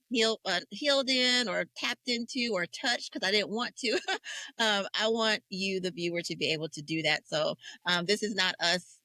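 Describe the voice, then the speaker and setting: Bright-voiced emotional woman host. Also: mid-range voice, no echo, rough recording. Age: 40s. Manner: emotional, searching and candid, with frequent fillers. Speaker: podcast host. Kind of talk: faith-based conversation about grief.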